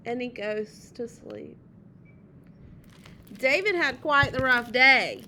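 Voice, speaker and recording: High, slow storytime reader, woman. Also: a little hiss or hum. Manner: gentle, expressive, drawn out. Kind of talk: reading a picture book aloud to children.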